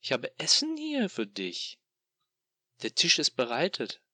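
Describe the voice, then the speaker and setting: A man voicing a sadistic, mocking male machine demon in an audio drama, taunting in a drawn-out, sing-song way. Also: medium pitch, huge pitch swings, sharp tone, no room sound, pitched above the performer's own voice, exaggerated voice.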